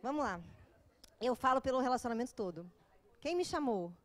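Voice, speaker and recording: High-voiced joking Brazilian woman lecturer. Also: expressive, brisk. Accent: Brazilian Portuguese. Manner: joking, chatty, with acted asides. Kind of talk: informal lecture to a live audience.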